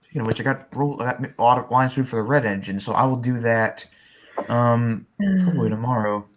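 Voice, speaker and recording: A man's voice: medium pitch, fairly even intonation, brisk. A man in casual group chat about fan voice roles, eager and stumbling over restarts. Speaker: fan voice actor.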